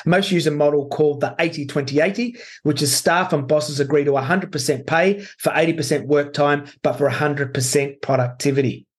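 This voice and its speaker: A man's voice: on the high side, fairly even intonation, a little fast, hardly any pauses. Easygoing man reading headlines. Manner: easygoing, reads headlines with fillers, chuckles often. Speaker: podcast co-host. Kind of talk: casual news chat.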